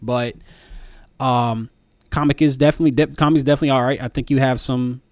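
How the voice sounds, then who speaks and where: A man in his thirties talks through a casual review. His voice sits at an average male pitch, and he stumbles over and repeats words. He is recorded close and dry, with very little echo. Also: fairly even intonation, brisk, darkish tone. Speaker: video commentator. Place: small room at home. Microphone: close desk microphone, headphones on.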